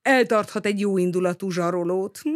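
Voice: mid-range voice, no echo, clean studio sound, lightly acted. A reader voicing a cheeky, sly male blackmailer who talks in a mocking, teasing way.

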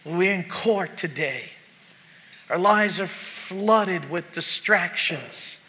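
A male pastor preaching a sermon in a church, swinging between loud exhortation and hushed lows. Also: animated, takes it slowly. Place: church sanctuary. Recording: long church reverb.

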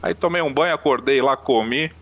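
A man, the guest on an interview, telling a story in an excitable, animated way with sudden jumps in pitch. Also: a little fast, lo-fi sound. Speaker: poker player guest. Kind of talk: casual storytelling.

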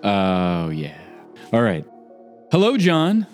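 A man with a low voice, congested from being sick, co-hosts a podcast. His casual, joking talk swings widely in pitch. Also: huge pitch swings, slow, darkish tone, faint music behind. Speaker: podcast co-host. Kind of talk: casual banter.

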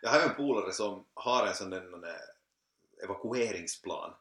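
A laid-back man, chatting as a podcast co-host. His voice sits low but moves around a lot, with a bright tone and frequent laughter. The room adds a noticeable echo. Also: lively intonation. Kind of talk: casual chat. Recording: echoey room.

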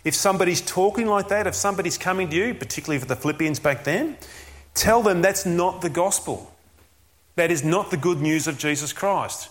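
A man's voice: high voice, a little fast, a bit bright. Earnest preacher, light-voiced man. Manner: earnest, emphatic preaching with rhetorical questions. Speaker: pastor. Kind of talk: sermon.

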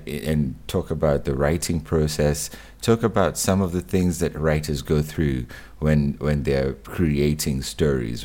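A man hosting a podcast, giving a measured, scripted introduction of his guest. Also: extremely low pitch, darkish tone. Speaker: podcast host.

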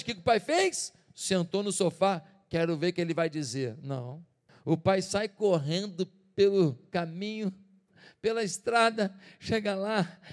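Man, pastor, dramatic preaching, high voice, reverberant church hall. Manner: animated storytelling, dramatic shifts of volume. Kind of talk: sermon.

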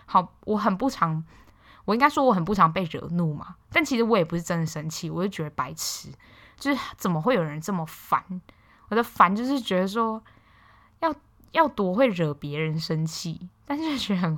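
A young woman from Taiwan hosting a casual solo podcast, telling stories in an animated, exasperated way with sharp quips. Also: lowish voice. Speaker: podcast host.

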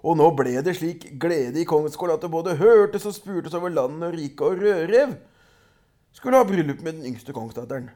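A man reading a folk tale aloud in a lively storytelling way, with small hesitations. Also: fairly high pitch.

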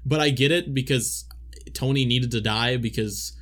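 Man, podcast co-host, casual film chat, rambling, mid-pitched voice. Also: normal speed, fairly bright tone. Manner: rambling, many restarts and fillers. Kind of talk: casual movie discussion.

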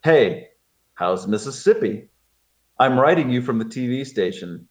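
A man's voice: medium pitch, lively intonation, normal speed. A man co-hosting a podcast, reading an old letter aloud in casual chat and laughing often as he slips into comic voices. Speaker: podcast co-host.

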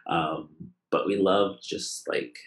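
A man from Nova Scotia, Canada, with a Canadian accent hosts a casual interview, speaking enthusiastically and effusively and rambling as he goes. His voice sits low, with fairly even intonation and a slow pace.

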